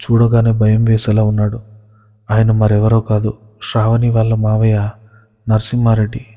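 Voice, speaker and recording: Male narrator for storybook drama, very dark tone, long hall reverb. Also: fairly low pitch, completely flat delivery, normal speed.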